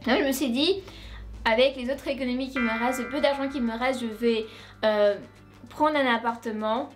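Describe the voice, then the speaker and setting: A woman's voice: a little high, moderate pace, faint music behind. Chatty young Frenchwoman vlogging. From France. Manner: chatty, many restarts, animated asides. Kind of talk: casual storytelling vlog to camera.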